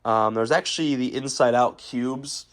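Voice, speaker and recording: A man's voice: medium pitch, a little slow. Rambling young man showing a haul. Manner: rambling, full of ums and restarts, chatty. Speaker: vlogger showing a toy haul. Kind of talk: casual vlog chat.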